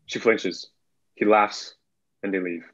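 Slowly and steadily, a young man narrates the stage directions of a screenplay in a lowish, slightly bright voice. He's speaking over a video call from indoors, with a computer mic that makes the audio muffled.

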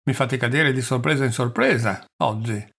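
A man reading a haughty gentleman in an audiobook, speaking with cold disdain. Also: mid-range voice, normal speed, vocal fry. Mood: biting.

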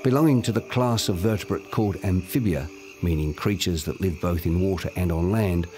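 A man with a low voice narrates a nature documentary, delivering a measured, scripted explanation that unfolds like a story. Music plays clearly underneath him.

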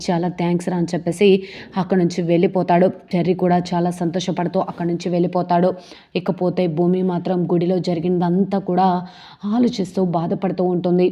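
A woman retelling a TV serial episode, reading every character's lines in her own steady voice. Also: lowish voice. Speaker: serial recap narrator.

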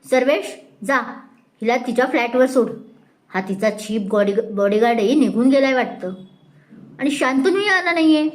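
A woman's voice: high voice, animated, moderate pace. A woman voicing a stern middle-aged mother who scolds her daughter in exasperation. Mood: scolding.

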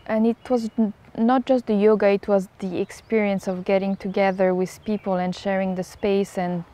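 A woman's voice: mid-range voice, flat delivery, moderate pace, warm tone. A woman from Poland speaking candidly in an interview while seated in a garden. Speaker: podcast host, interviewee. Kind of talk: interview talk. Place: garden, outdoors. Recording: faint music under the voice. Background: music.

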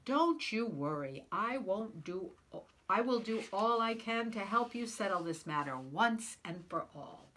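A woman's voice: medium pitch, lively intonation, measured pace, a bit bright, slight background noise. A woman reading as a clever, coaxing wife. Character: worried wife, clever, coaxing, sweet-talking. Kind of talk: storybook read-aloud.

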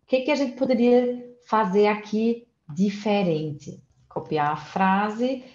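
Slow-spoken woman teaching German pronunciation. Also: mid-range voice, a little mellow, roomy sound, dull audio. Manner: explains pronunciation step by step, slowly spelling out letters. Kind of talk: casual online language lesson.

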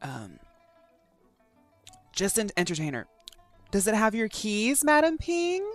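A woman's voice: mid-range voice, wildly swooping pitch, slow pace. A woman giving casual, theatrical game commentary, full of playful jokey asides. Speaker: game streamer. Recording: game music behind the voice.

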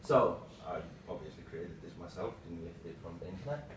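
Man, thirties, informal tech presentation, halting phrasing, deep pitch, far from the mic, noisy recording. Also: lively intonation. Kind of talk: informal slide presentation, lightning talk. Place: small meeting room, indoors. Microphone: far camera microphone. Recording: roomy, distant mic with clear background noise.

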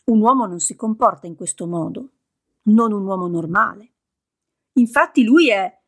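Woman voicing a slow grave stout old man. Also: mid-range voice, lively intonation. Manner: slow, grave, heavy sighs. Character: stout serious older man, a father.

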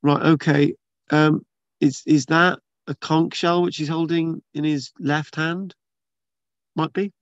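A man's voice: on the high side, steady tone, slow, dry recording, muffled recording. A man reading news articles aloud and commenting in a rambling, casual way, with many restarts and fillers. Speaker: channel host reading and discussing archaeology news. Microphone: video call screen share.

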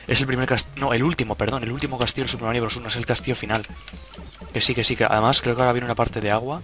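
A man's voice: medium pitch, sharp tone. A young man with a Spain Spanish accent giving casual let's play commentary, swearing and cutting himself off mid-sentence. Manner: casual, swearing, self-interrupting. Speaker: gaming YouTuber. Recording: game music behind the voice.

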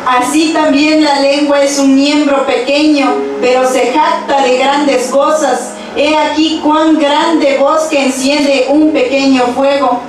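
A young woman preaching a sermon at a church pulpit with a handheld mic, reading scripture verses aloud in a steady, measured way. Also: high-pitched, noisy background. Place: church stage with pulpit and instruments. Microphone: handheld microphone. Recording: very echoey church hall, from far off.

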